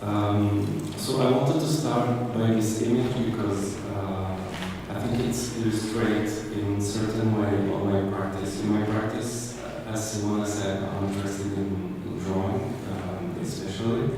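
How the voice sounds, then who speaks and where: A man from Algeria giving a halting, hesitant talk about his art in a gallery, with frequent pauses and restarts. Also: lowish voice, fairly even intonation. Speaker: visual artist presenting his work. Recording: echoey hall, distant mic, ambient noise.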